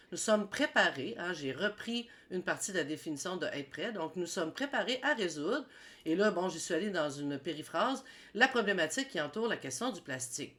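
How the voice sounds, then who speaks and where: A woman's voice: fairly low pitch, a bit bright. A woman with a Quebec French accent teaching an exam-preparation lesson as a French teacher, explaining step by step with frequent little tag words. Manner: explanatory, sprinkled with "hein" and "ben". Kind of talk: exam-prep video lesson.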